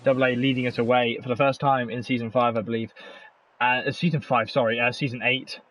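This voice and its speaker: A man commentating on an online sim race, fast and animated, with chatty asides between calls. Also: medium pitch, muffled recording.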